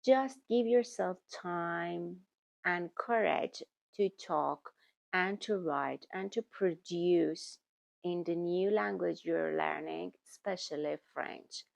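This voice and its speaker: Speaking directly to her viewers with tips, a German-native language-learning YouTuber takes a slow, deliberate pace, frequently repeating herself and self-correcting. She has a fairly low, gravelly voice, captured in a close, dry recording.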